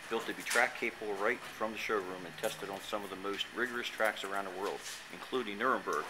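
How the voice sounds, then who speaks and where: A man with a lowish voice delivers an eager sales pitch, reeling off car figures one after another. He is recorded on a handheld camera in a showroom, with clear room noise all around him. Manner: enthusiastic, reciting specs. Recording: noisy showroom ambience.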